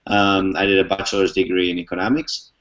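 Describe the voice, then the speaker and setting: A young man from the Czech Republic, an interview guest, speaks in a low, fairly bright voice with little pitch movement and a slightly fast pace. He explains things fluently step by step in casual talk with many "um"s, on a muffled lo-fi recording.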